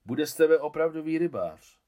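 A man's voice: mid-range voice, very animated, fairly bright tone. A man reading aloud, voicing an old male fisherman who patiently teaches a group of boys to fish.

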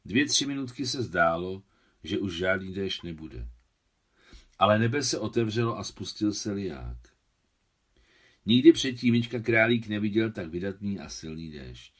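Calm man reading a novel aloud. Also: fairly low pitch. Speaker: translator reading his translation.

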